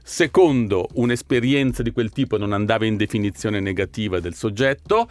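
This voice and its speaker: A man's voice: lowish voice, normal speed, a little mellow. A man commenting on a talk show in an opinionated, emphatic way, often repeating his own phrases.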